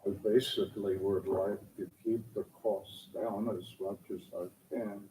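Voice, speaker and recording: An older man, a homeowner, speaking plainly and deliberately at a public review board meeting. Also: lowish voice, fairly even intonation. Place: municipal meeting room. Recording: distant mic with loud room noise.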